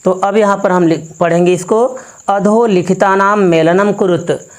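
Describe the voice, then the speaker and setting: A woman's voice: medium pitch, fairly even intonation, unhurried. A woman teaching Sanskrit exercises, repeating each answer twice and asking the class what it becomes. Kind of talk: slow classroom explanation.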